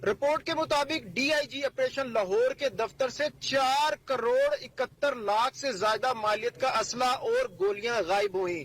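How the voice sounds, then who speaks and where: A man's voice: very high-pitched, normal speed, hardly any pauses, a bit bright, rough recording. A man, a bureau chief reporting over the telephone and steadily reading out figures and official details. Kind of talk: news report read over the phone. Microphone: telephone line.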